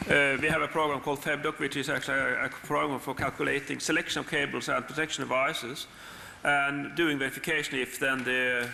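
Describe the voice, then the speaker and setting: A man with a Norwegian accent, a native Norwegian speaker giving a technical software demonstration, haltingly, often repeating words and restarting. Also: medium pitch, creaky, a little hiss or hum. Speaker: software presenter. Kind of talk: live technical demonstration talk. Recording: long hall reverb.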